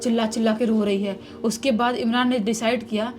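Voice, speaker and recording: A woman's voice: a little high, steady tone, brisk, a little mellow, slight background noise. A woman telling a true horror story in a casual, conversational way. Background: faint music.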